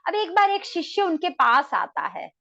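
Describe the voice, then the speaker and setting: A woman, a naturopathy and yoga doctor, tells a devotional story in a lively way and mixes English words into her speech. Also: extremely high pitch, normal speed, creaky, highs cut off.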